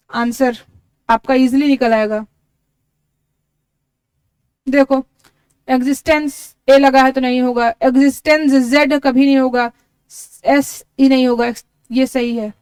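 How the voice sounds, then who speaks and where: A woman's voice: high-pitched, a little mellow, clean tone, no room sound. A woman teaching an exam-prep lesson, explaining step by step and spelling words out letter by letter. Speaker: English teacher.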